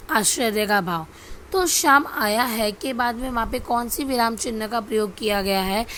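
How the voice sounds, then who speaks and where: A woman's voice: on the high side, a bit bright, slight background noise. Woman teaching grammar, rhetorical questions. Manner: repetitive, asks rhetorical questions and answers them. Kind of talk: Hindi grammar lesson over slides.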